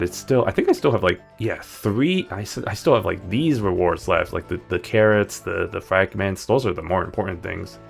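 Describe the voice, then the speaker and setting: Low gravelly guy streaming a game, rambly and chill, music playing behind. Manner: rambling, self-correcting, playful asides. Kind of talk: casual gameplay commentary.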